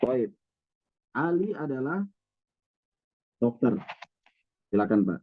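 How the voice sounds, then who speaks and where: A man leading an Arabic grammar class, speaking at a patient, drawn-out pace with pauses and fillers. The sound is dry and a little dull, with almost no room echo. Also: mid-range voice, very animated. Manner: patient, drawn-out teaching cadence with frequent fillers. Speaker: Arabic teacher. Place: mosque classroom with online students.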